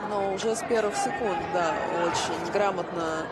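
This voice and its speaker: A woman analyses boxing live as the expert co-commentator. She talks conversationally, with a loud crowd and heavy arena noise all around her voice. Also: mid-range voice, moderate pace. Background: noisy arena crowd.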